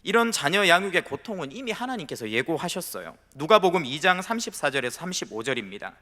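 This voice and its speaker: A man's voice: a little high, very animated, fast, bright, forceful tone. A male pastor preaching a sermon, telling stories and acting out the voices of the people in them. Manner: storytelling, acting out quoted voices. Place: church sanctuary. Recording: long hall reverb.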